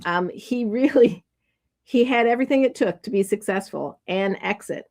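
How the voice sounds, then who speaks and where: A woman's voice: mid-range voice, normal speed. A woman hosting a live session, enthusiastically introducing the guest speaker. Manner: enthusiastic, warm praise. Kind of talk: event introduction.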